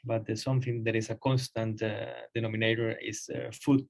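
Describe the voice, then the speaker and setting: Man in his thirties, from Colombia, low flat voice, hesitant, lots of fillers. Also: fairly quick, creaky. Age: 30s. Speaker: guest speaker. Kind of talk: presentation.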